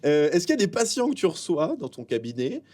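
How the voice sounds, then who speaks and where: A man hosting a casual interview, asking quick questions and cracking jokes. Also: a little high, sing-song, a little mellow. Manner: quick, playful, joking. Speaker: interview host. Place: venue backstage, indoors.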